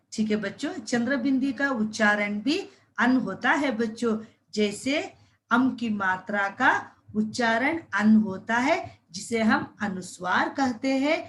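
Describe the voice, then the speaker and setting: A woman teaching a phonics lesson to primary school children, spelling out syllables slowly and repeating each word several times. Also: a little high, a bit bright, slight background noise.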